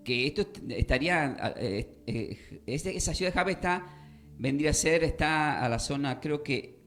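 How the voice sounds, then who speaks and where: Man teaching Bible on radio, a bit high-pitched, emphatic and questioning, faint music underneath. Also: fairly bright tone. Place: radio studio.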